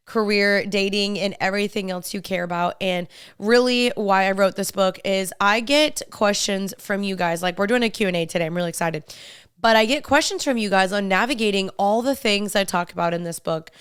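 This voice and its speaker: Still slightly nasal and congested from a lingering cold, this young podcast host keeps her solo chat upbeat and friendly, speaking directly to "you guys." Her very smooth, clear voice has a medium pitch, a normal speed and a fairly bright tone. It's recorded up close, dry, with no echo or room sound.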